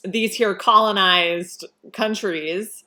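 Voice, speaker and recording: A woman's voice: mid-range voice, steady tone, takes it slowly, sharp tone. Chatty American woman hosting. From United States. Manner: chatty, many fillers, tells stories. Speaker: host interviewing an author. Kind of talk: casual video chat.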